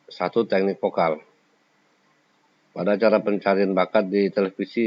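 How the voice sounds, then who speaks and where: A man teaching a school lesson, explaining each point in turn and sometimes singing short examples. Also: deep voice. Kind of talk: classroom lecture. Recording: slightly dull lo-fi sound.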